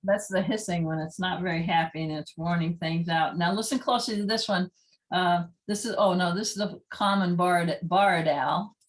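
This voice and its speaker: A woman's voice: lowish voice, fairly even intonation, moderate pace, rough recording. A woman giving a casual library presentation, chatty and enthusiastic, apologizing for small slips as she goes. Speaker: library talk presenter on owls. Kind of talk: casual presentation playing recordings.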